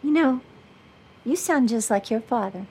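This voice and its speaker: A woman's voice: on the high side, animated, unhurried, darkish tone, breathy edge, heavily acted. Free-spirited, theatrical middle-aged mother. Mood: hurt. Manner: breezy, theatrical, unembarrassed.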